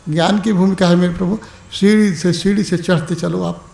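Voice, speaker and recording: A man with a high, gravelly voice delivers an evening spiritual discourse, calling his listeners "my dear" and "my brother". He moves between rising exhortation and soft, unhurried asides. The sound rings with the echo of a hall. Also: fairly even intonation. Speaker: spiritual teacher.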